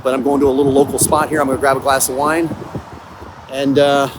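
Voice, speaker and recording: This audio drama writer and creator talks fast in a mid-range voice with little pitch movement, informally describing his creative work like a video diary. Vehicle and ambient noise fill the location recording.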